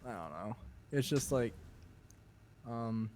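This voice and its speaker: A man's voice: mid-range voice, expressive, slow, a little mellow. A young man from Minnesota with a Minnesotan accent, chatting casually in a rambling way, laughing often and restarting his sentences. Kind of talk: casual chat.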